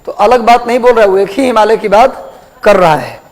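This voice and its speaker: Teaching geography, a man speaks fairly quickly in a high voice, though the audio is poor. His classroom lecture is repetitive, and he frequently asks his students questions.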